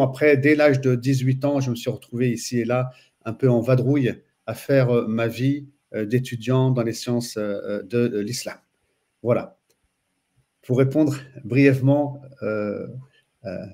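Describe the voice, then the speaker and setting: A French man in his forties, an Islamic studies teacher, shares his story as a guest in a relaxed, casual interview. His voice is medium-pitched, and he sounds hesitant, pausing often and using lots of fillers.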